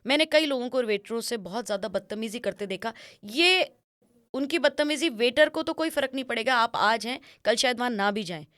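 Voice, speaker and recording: A woman with a fairly high voice explains etiquette as an interview guest, instructive and patient. She slips English phrases into her speech. The sound is dry and close. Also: expressive, brisk, fairly bright tone, no echo. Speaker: image consultant guest.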